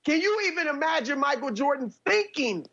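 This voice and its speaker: Male sports debater, very high voice, dull lo-fi sound, lays out his case step by step. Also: very animated, brisk, creaky, bright, forceful tone. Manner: argumentative, building a case point by point. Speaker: sports analyst. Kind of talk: debate show commentary.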